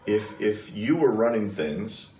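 Man, deep voice, deliberate interviewer, probing questions, roomy distant sound. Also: animated, darkish tone. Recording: echoey room, distant mic.

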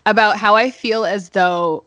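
A woman's voice: mid-range voice, steady tone, a little slow, a bit bright, dry recording. A woman hosting a podcast, opening with an introduction and then chatting effusively with her guest. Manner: effusive, enthusiastic. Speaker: podcast host.

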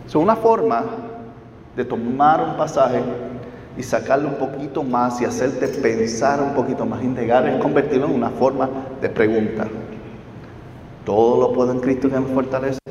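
A man's voice: medium pitch, a little mellow, a little hiss or hum. A man teaching a Bible study class, explaining step by step and checking in with his listeners through questions. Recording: roomy hall, distant mic, dull.

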